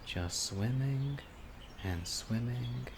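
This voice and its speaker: A man with a mid-range voice draws out his words while playing a gentle, eager, critically ill young man on a date who conceals an obsessive streak. Dreamy and musing, he speaks hesitantly and softly with muttered asides in this roleplay audio drama. Birdsong, crickets and insects come through a noisy background.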